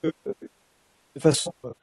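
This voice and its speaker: A man on a video call asking a question in an online panel, his halting speech breaking up over a poor connection. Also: crowd noise. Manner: halting, restarts his sentence. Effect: choppy video call audio breaking up. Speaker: audience member asking a question.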